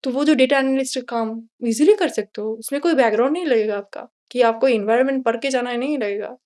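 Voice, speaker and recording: Consultant guest, woman from India, high voice, animated storyteller, switches between Hindi and English. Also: quick pace. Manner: animated, mixes English into Hindi, acts out dialogue. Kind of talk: storytelling interview answers.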